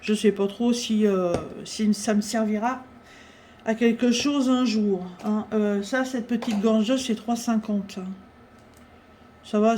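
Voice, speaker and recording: A woman talks her way through a craft-supply haul in a loose, rambling way. She speaks slowly and breaks her sentences with hesitations and fillers, in a somewhat high voice. Faint room ambience sits behind her. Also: mellow, slight background noise. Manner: chatty, full of pauses, fillers and "hein". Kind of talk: casual haul commentary.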